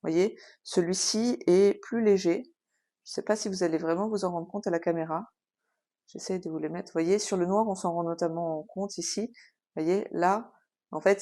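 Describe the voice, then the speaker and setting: A woman with a fairly low, warm voice hosts a casual craft tutorial. She explains things at an easy pace, chatty and explanatory, with frequent hesitations and filler sounds.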